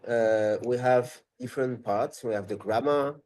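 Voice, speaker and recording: A man's voice: medium pitch, a little slow, a little mellow, low-quality recording. A man with a French accent, a language tutor talking in a live webinar, thinking aloud and rephrasing as he goes.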